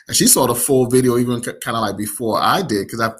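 Halting man from Nigeria, many fillers. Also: mid-range voice, breathy edge. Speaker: app founder. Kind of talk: casual interview talk.

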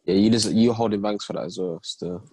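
A man's voice: on the low side, fairly even intonation, a little fast, darkish tone, no room sound. A young man with a London roadman accent chatting casually in repetitive slang. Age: young adult. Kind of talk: casual chat.

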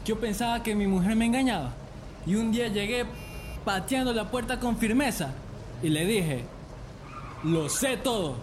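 A man's voice: sits high, normal speed, long pauses, background noise, close to an everyday voice. A man playing a pushy, confident friend who coaches the hero in a comic sketch. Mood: coaxing. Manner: coaxing, pep-talk energy. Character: pushy streetwise buddy, adult man, brash and confident.

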